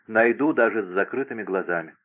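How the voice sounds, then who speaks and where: A man's voice: lowish voice, fast, lightly acted. Man playing a nervous young court lady, pleading and flustered, tinny radio audio. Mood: anxious. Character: anxious young lady-in-waiting. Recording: tinny phone-like radio broadcast.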